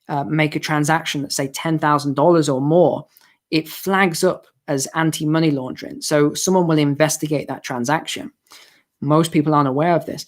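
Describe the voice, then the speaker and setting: A finance channel host with a fairly high voice answers viewer questions during a live-stream Q&A, hoarse and losing his voice. He explains things in a chatty way, with restarts and asides.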